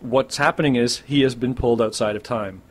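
Male podcast co-host, casual chat, mid pitch, explains with fillers and restarts, slight background hiss. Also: fairly quick. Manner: explains things, many restarts and fillers, laughs easily.

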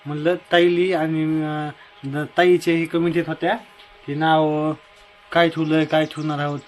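A man's voice: a little high, level tone, normal speed, a little hiss or hum. A young man from Maharashtra, a family vlogger, chatting casually and repetitively to his viewers outdoors by his house on a phone camera. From Maharashtra, India. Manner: chatty and repetitive, often calling loudly to his wife. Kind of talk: casual vlog talk to viewers.

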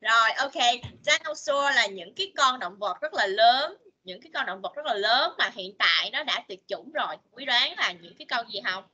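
Bright-voiced woman teaching. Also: a little high, expressive, husky. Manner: patient, coaxing, models words slowly for pupils to repeat. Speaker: English teacher. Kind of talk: online English lesson for children. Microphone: video call.

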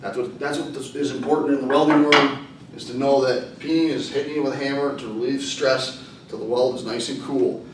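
This welding instructor and video host is a plain-spoken man in his thirties teaching an informal lesson at a whiteboard, his voice steady and his pace normal. The far camera microphone captures an echoey, hard-walled classroom with a faint rumble underneath.

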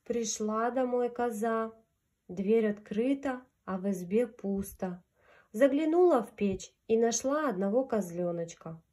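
A woman reads a fairy tale to small children. Her voice sits fairly high and she takes her time, with a sing-song storyteller's delivery. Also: measured pace, warm tone. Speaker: children's storyteller fronting a puppet. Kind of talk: fairy tale read aloud to young children.

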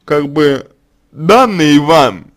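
A man answering a reader's letter as a psychologist, in a halting, deliberate monologue full of fillers and restarts. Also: fairly high pitch, lively intonation. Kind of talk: slow consulting monologue.

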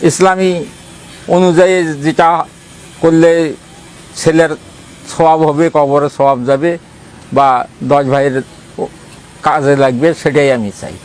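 Older male interviewee, Bangladeshi accent, somewhat raised pitch, unscripted answers. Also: fairly even intonation, unhurried, long pauses, a little mellow, smooth, rough recording. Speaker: bereaved father being interviewed.

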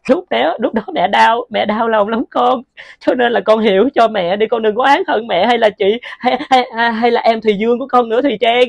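A woman playing a grieving mother who pleads for forgiveness, speaking in a halting voice and repeating her words. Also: on the high side, creaky, no room sound, muffled recording. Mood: pleading.

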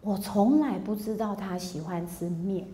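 A woman in her fifties with a Taiwanese Mandarin accent, giving a public lecture on relationships. She tells personal stories in a lively way and acts out dialogue, often laughing. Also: mid-range voice, measured pace, roomy sound.

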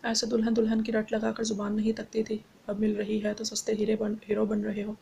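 A woman's voice: mid-range voice, monotone, fairly quick, vocal fry, mellow, husky, full character voice. A woman reading the lines of an emotional young woman who pleads and scolds through tears, in an audiobook. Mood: scolding.

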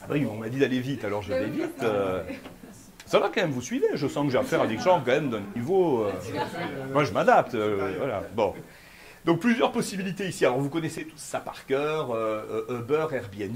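A man giving a fast, lively conference keynote, talking straight to the audience with frequent questions. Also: mid-range voice, crowd noise. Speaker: keynote speaker. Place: conference room before an audience.

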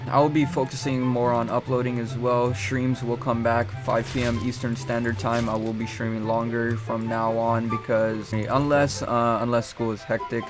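A young man giving casual gaming commentary in a slangy, rambling, conversational way. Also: mid-range voice. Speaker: gaming video creator and streamer. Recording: music behind the voice. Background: background music.

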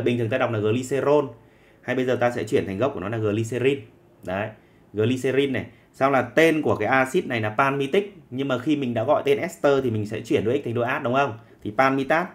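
A man teaching a live online chemistry class, dictating notes and often checking that students are following. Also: mid-range voice.

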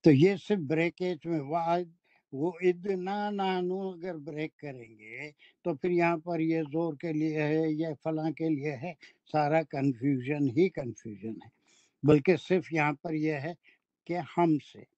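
A man teaching Quranic Arabic grammar in a classroom lecture, explaining slowly and deliberately with anecdotes. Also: on the high side, mellow, no echo, muffled recording.

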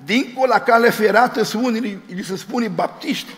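A man's voice: high voice, fairly bright tone. A man preaching a sermon in a folksy way, retelling dialogues in quoted voices. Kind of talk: sermon with storytelling. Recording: long hall reverb.

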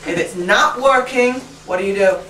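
A woman leading a teacher training workshop, brisk and chatty, who keeps checking in with "right?". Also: mid-range voice, fairly bright tone, slight background noise. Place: classroom. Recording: roomy classroom from far off.

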